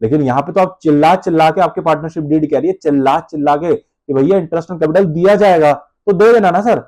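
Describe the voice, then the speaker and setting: A man's voice: on the high side, brisk, darkish tone. A male accounts teacher giving a conversational lecture, calling students "beta", voicing their replies himself and often correcting and repeating himself. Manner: conversational, self-correcting, repeats key terms. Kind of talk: Hindi classroom lecture.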